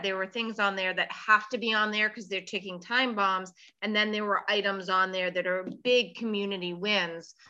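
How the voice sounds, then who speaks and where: Bright-voiced woman with a dull sound. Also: medium pitch. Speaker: commission member. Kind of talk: public meeting discussion.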